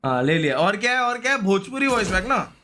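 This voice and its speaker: Fast and sing-song, this man's high voice sounds pushed and bright, with slight background noise. He has an Indian accent and chats loosely with viewers as he games, repeating slang, exclaiming and complaining along the way.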